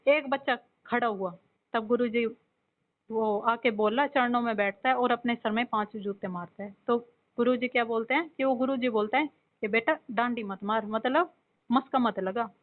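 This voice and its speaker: A woman's voice: fairly high pitch, normal speed. A woman in a heated religious debate, insistently telling the other to listen and answer her doubt. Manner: insistent, keeps cutting in with "listen". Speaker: devotee raising doubts. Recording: tinny phone-like sound.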